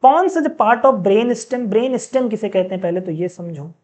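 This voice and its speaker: A man teaching a class in a casual, chatty way, often asking the students questions and slowly reading out English lines. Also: sits high, animated. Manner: mixes in read-out English sentences, slowly. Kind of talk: classroom lecture.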